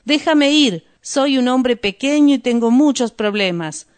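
A woman voicing a nervous, shifty male thief who poses as a mover in a read-aloud story, pleading and excitable. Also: sits high, measured pace, no echo, voice pushed up.

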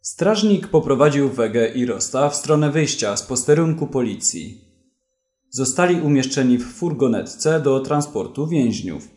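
A man reading a vocabulary list and a story aloud for language learners, in a plain, deliberate way. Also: mid-range voice, expressive, a little mellow. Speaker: narrator and vocabulary reader. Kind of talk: slow language-lesson reading. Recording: roomy echo.

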